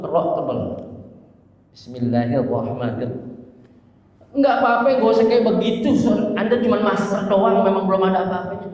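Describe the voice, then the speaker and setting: Middle-aged male preacher, slightly high voice, lively and teasing, echoey hall sound. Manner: lively, teasing, mimics faulty recitation. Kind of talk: sermon.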